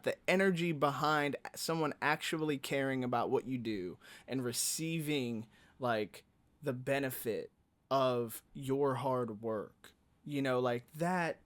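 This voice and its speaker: Male podcast host, medium pitch; animated, filler-heavy, plays out quoted reactions. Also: unhurried. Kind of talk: casual podcast conversation.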